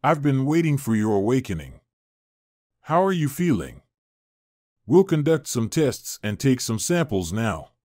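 A man reading the part of a cheerful male doctor who speaks warmly and eagerly. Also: medium pitch, big pitch swings, measured pace, no echo, clean studio sound. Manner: warm and eager.

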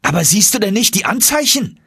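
A man's voice: very animated, brisk, gravelly, bright, forceful tone, husky, no room sound, studio quality, full character voice. A man doing frantic young Axel. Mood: alarmed. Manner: high, alarmed, pressing questions.

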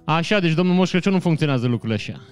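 A man's voice: on the high side, lively intonation, clean tone, faint music behind. A man hosting a casual live stream, greeting viewers by name and answering chat comments with frequent laughs. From Romania.

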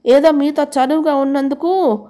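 Woman voicing a nosy female clerk, mocking, gossipy, fairly high voice, audio novel. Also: steady tone, a little slow, dark tone.

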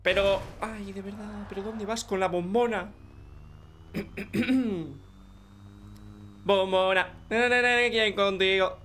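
A young man with a Spanish accent from Spain, commenting excitedly on his online game and joking with teammates. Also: high-pitched, slow pace, pauses often, slight background noise. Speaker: gaming YouTuber. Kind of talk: live gameplay commentary.

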